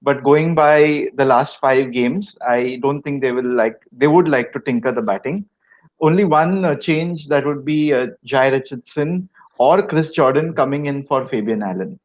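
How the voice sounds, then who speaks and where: Measured male fan talking cricket. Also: mid-range voice, highs cut off. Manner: measured, hesitant with many fillers. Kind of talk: casual analysis on a video chat.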